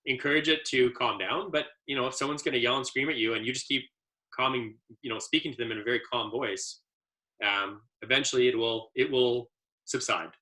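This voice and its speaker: A man who trains adaptive ski instructors gives a casual training presentation, telling stories in an easygoing way full of fillers. His voice is medium in pitch, brisk and sharp.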